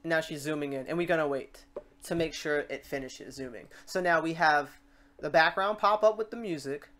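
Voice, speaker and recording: This screen-recording voice-over features a tutorial host explaining software steps casually in a mid-range voice at a moderate pace. The talk is unscripted and informal, with thinking aloud and self-corrections along the way, and there's slight background noise.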